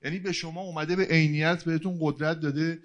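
A man's voice: a little high, fairly even intonation, dull audio, a crowd in the background. A middle-aged man from the audience asking a question in formal, deferential speech. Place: hall with a stage.

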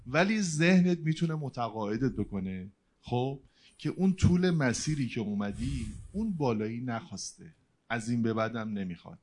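A man's voice: medium pitch, lively intonation, a little mellow. A middle-aged man from the audience asking a question in formal, deferential speech. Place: hall with a stage.

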